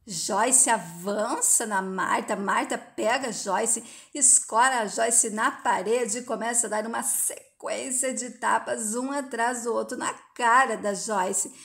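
A woman reads a soap-opera episode recap aloud like a story, telling who says what. Her voice sits a little high. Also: slow pace, vocal fry, few pauses, fairly bright tone. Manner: plain storytelling, reporting each line with "she says". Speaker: narrator.

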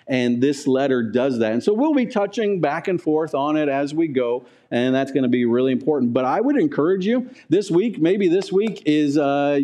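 A pastor in his forties delivers a conversational teaching sermon in a church sanctuary, gesturing and putting questions to the room. His voice is a little high and mellow.

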